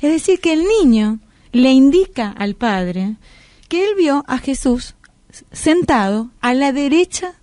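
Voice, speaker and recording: A middle-aged woman with a Rioplatense accent, hosting a radio talk show and retelling a story with lively acted-out quotes. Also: sits high, takes it slowly, no echo. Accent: Rioplatense Spanish. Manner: animated storyteller who acts out quoted voices.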